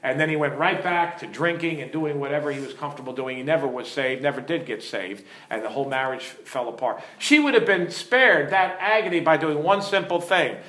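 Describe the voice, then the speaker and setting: A middle-aged pastor teaching earnestly from the pulpit, weaving in stories and turning to his listeners with questions. His voice sits a little high for a man, and it rings around an echoey room. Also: a little fast, hardly any pauses, bright, forceful tone. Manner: earnest, storytelling, asks the audience questions.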